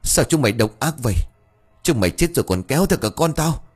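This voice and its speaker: A man voicing a grieving, furious older village man who shouts curses and mocks bitterly. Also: on the low side, lively intonation, a little fast, breathy edge, faint music behind. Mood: raging.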